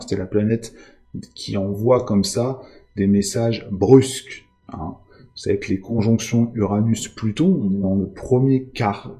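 A man's voice: on the low side, mellow. A man giving a spoken astrology lesson, explaining at length with frequent fillers and tags like "hein".

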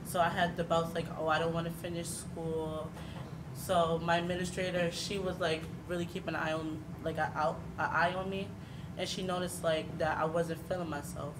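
A young American woman, a young mother on a panel, gives candid personal testimony in a meeting hall, speaking informally and haltingly with lots of "like." Her voice sits on the low side and her delivery is flat, captured through a handheld microphone in a noisy room.

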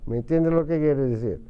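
A man teaching English to a class, patiently repeating words slowly for his students. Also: on the high side, highs cut off. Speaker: ESL teacher. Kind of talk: classroom lesson.

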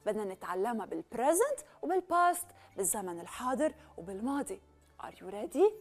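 A young woman with a Levantine Arabic accent teaching children English, slowly drawing out letters and words. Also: on the high side. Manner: lively, drawn-out teacherly pronunciation. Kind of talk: children's language lesson.

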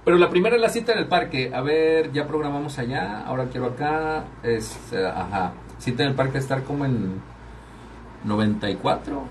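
A man's voice: medium pitch, lively intonation, moderate pace, far from the mic, a little hiss or hum. A man hosting a live stream, chatting casually with viewers while he runs the music. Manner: chatty, talks to viewers while working the controls. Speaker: radio and livestream host.

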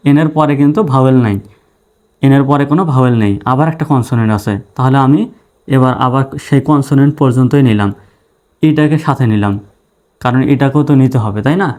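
A man's voice: mid-range voice, darkish tone. A man teaching English spelling and pronunciation, patiently spelling out letters one by one and repeating each sound. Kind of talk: spoken spelling and pronunciation lesson.

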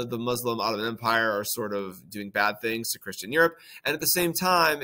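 Bright-voiced man teaching history casually. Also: medium pitch. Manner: conversational, with many ums and playful acted-out quotes. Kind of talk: casual lecture.

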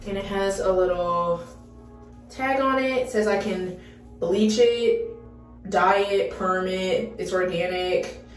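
Excitable young woman, slow, roomy sound. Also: lowish voice, distant mic. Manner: excitable, dramatic exclamations. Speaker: beauty vlogger. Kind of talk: casual vlog chat. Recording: roomy, mic set back, faint music.

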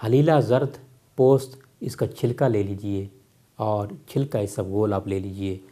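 A man from Pakistan explains herbal remedies in a steady, instructive talk, repeating his key phrases. His voice sits low and sounds mellow and relaxed, like a practitioner advising patients. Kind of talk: health remedy advice talk.

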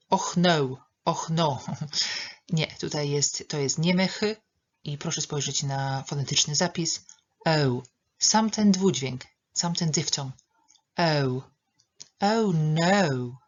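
A middle-aged woman teaching English pronunciation, patiently modelling words slowly and repeating them. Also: low voice, muffled recording. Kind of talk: online pronunciation lesson.

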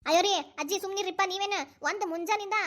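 A woman's voice: extremely high pitch, steady tone, very fast, a bit bright. A woman voicing a busy, harried young mother who scolds and complains, with a Dharwad Kannada accent. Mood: complaining.

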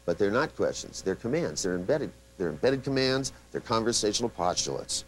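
A man's voice: lowish voice, a little fast, a little hiss or hum, low-quality recording. A man giving a live seminar lecture as a trainer, talking loosely with many restarts and asides, and acting out quoted people as he tells his stories. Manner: animated storyteller who acts out quotes.

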